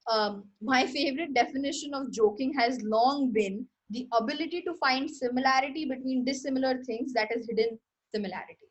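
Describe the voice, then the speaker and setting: High-voiced Indian woman rambling on stream. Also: brisk, highs cut off. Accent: Indian English. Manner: rambling, self-correcting, laughs often. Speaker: host. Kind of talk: casual livestream talk on art history.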